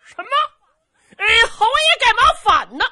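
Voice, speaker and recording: A woman voicing a hot-headed young peasant man who shouts and sobs in an excitable, rash way. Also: extremely high pitch, fairly quick, voice pushed up, heavily acted. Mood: startled.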